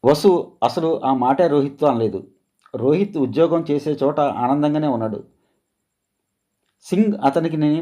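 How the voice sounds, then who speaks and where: A man narrating a scripted story in a calm, even storytelling read. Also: medium pitch.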